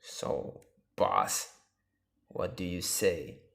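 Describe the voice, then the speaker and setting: Cold young villain voiced by a man, dead monotone, deep and rough. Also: very slow, heavily acted.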